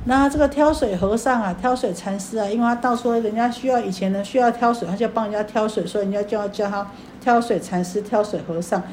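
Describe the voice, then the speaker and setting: A woman's voice: medium pitch, a little mellow, slight background noise. Woman dharma teacher, particle-heavy speech. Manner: drawn-out particles, addresses audience. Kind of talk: dharma talk with storytelling.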